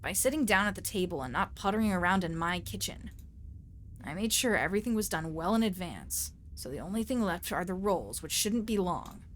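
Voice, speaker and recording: A woman voicing a stern, curt middle-aged woman doctor with a husky smoker's voice. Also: on the low side, lively intonation, fairly quick, fairly bright tone, slight background noise. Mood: dismissive. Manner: clipped, dismissive.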